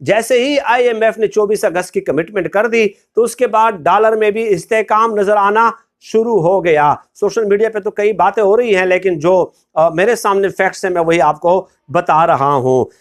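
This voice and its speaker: A man with a Pakistani Urdu accent delivering a political commentary vlog in a formal register, speaking straight to his viewers and pausing often on hesitant fillers. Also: sits high. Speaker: political vlogger.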